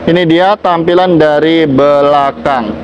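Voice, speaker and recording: A man's voice: fairly high pitch, steady tone, measured pace, muffled recording, background noise. A man presenting used cars in a salesmanlike walkaround, talking up each feature. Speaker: used car seller presenting stock.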